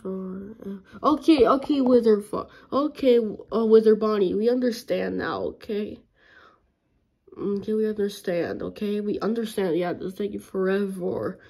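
Woman, improvised fan story, hesitant, slips into whispers, unhurried delivery. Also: mid-range voice, creaky, mellow, breathy edge. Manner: voices several characters, often whispering, hesitant. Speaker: plush toy video performer.

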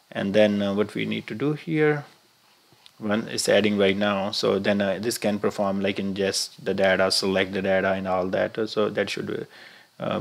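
A man with giving a halting screen-recorded software tutorial, thinking aloud with many filler sounds as he clicks through steps. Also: on the low side, gravelly.

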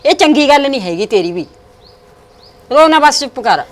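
A woman playing a high-voiced, consoling Punjabi woman. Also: sing-song, moderate pace. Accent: Indian Punjabi. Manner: consoling, firm. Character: caring woman comforting the old grandmother. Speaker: daughter-in-law in a family drama. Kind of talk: village web drama acting.

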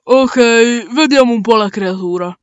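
A man voicing a male space crew captain in an amateur audio drama, giving orders and reasoning aloud with pauses. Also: high voice, clear, resonant tone, no room sound, dull audio, natural voice. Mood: calm, commanding.

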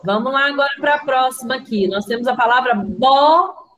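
A woman's voice: high-pitched, fast talker, a bit bright, low-quality recording. A woman with a Brazilian Portuguese accent teaching young children in an online class. She is patient, spells words out syllable by syllable and asks the class questions. Her voice comes through a video call from a computer. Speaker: primary school teacher.

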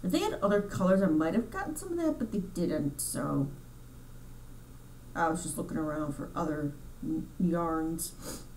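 A congested woman hosts her crochet channel in a chatty, rambling style, often stopping to correct herself. Her voice sits on the low side. She sounds set back from the mic, with a faint hiss underneath. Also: lively intonation, moderate pace, darkish tone, far from the mic, poor audio. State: congested from sinus trouble. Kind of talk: casual chat over store footage.

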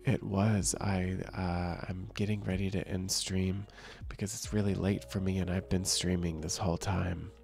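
A young man who streams games, chatting softly and slowly with viewers in a soft-spoken ASMR style into a close mic. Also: low-pitched, flat delivery, creaky. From northern region. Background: soft relaxing music.

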